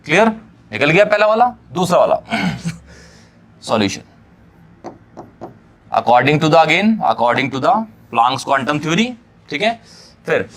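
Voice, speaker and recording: A male chemistry teacher giving an exam-prep lecture, often checking that students follow and repeating key phrases slowly for them to note down. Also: a little high, sharp tone. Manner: keeps checking understanding, addresses students fondly.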